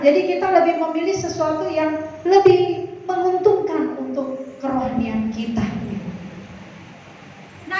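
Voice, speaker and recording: A woman's voice: very high-pitched, darkish tone, slight background noise. A middle-aged woman pastor preaching a sermon, telling personal stories in a chatty way and acting out the voices in them. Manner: chatty storytelling, acts out voices in quotes. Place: church hall. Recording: echoey hall from far off, dull sound.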